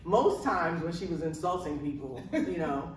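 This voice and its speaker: A woman co-hosting a podcast, telling stories in a relaxed way with chuckling asides. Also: fairly low pitch, normal speed, recorded from a distance, a little hiss or hum. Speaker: podcast co-host. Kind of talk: casual chat. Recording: very echoey room from off mic.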